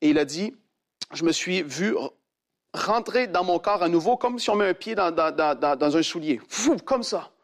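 A man preaching, telling a testimony dramatically and acting out the quoted voices. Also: moderate pace. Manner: animated storyteller who acts out quoted voices in a much higher pitch. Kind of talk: sermon storytelling.

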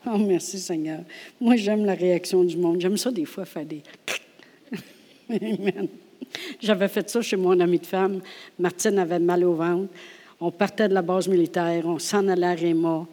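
A woman preacher with a Québécois accent tells her story in a lively, theatrical way, dropping to hushed asides and then rising to loud lines. Her voice rings out with a long reverb in a church hall. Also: lowish voice, moderate pace. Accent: Québécois French. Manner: lively, laughing, acts out scenes, swings from hushed to loud. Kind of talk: animated storytelling sermon.

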